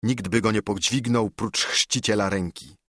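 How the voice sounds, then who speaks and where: A man narrating an epic poem aloud in measured verse. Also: on the low side, steady tone, fairly bright tone, dry recording, clean studio sound.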